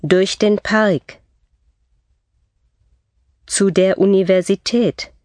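A woman reading scripted textbook dialogue for a language course with slow, clear enunciation. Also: mid-range voice, fairly even intonation, a little mellow, dry recording.

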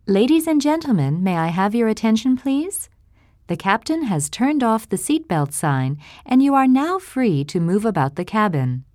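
A woman reading formal in-flight announcements in a polite, measured way, like a flight attendant. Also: on the high side, big pitch swings, a little mellow, dry recording, studio quality.

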